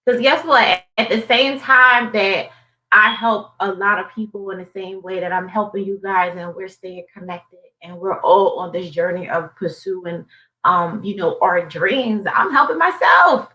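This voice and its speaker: A woman's voice: mid-range voice, a little slow, bright, forceful tone, rough recording. A woman with a Southern US accent, a financial coach chatting casually on a live stream, upbeat and repeating herself for motivation. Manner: upbeat, repetitive motivational talk.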